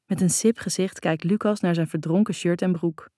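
A woman narrates a first-person audiobook in a soft, intimate, even way. Her voice is low-pitched and mellow, recorded dry and close with no room around it. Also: moderate pace, no echo.

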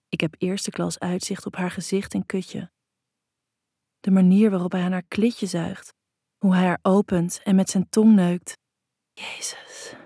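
A woman reading a scripted story in a soft, intimate, unhurried way with a husky voice. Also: fairly low pitch, dry recording. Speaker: narrator. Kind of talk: scripted erotic story narration.

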